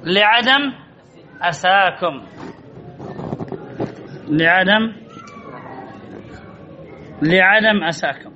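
Guy teaching grammar to a class, keeps repeating answers back, very high bright voice, murmur of a few people behind. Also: expressive, very slow, pauses often, dull audio, a faint crowd, a little hiss or hum. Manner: drills by repeating answers, quizzes students. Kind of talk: classroom lesson with questions to students.

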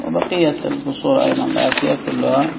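A man's voice: mid-range voice, level tone, very fast, vocal fry. A man teaching a classroom grammar lesson. He reads a text aloud, then explains it and puts questions to the class. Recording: dull lo-fi recording with faint background noise.

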